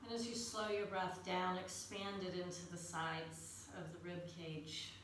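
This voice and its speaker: A woman leading a yoga class as the instructor, in a calm, unhurried, soothing guiding delivery. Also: on the low side. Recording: echoey room, distant mic, faint noise.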